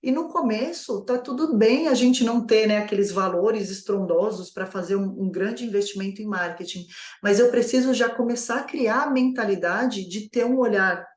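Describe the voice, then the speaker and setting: A woman's voice: medium pitch, normal speed, echoey room. A woman coaching new business owners in a conversational lesson, asking herself many rhetorical questions. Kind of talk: online course lesson.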